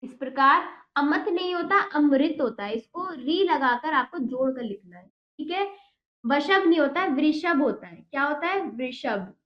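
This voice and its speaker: A woman teacher reading a children's textbook lesson aloud with slow, deliberate diction and quizzing the children with questions. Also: high-pitched, lively intonation. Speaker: primary school Hindi teacher. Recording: roomy, dull lo-fi sound.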